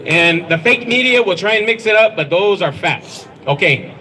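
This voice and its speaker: High-pitched rally speaker with a forceful voice. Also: male voice, expressive, normal speed, a little hiss or hum, rough recording. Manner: punchy, crowd-rousing, chanting slogans. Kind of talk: rally speech. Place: outdoor rally. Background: crowd.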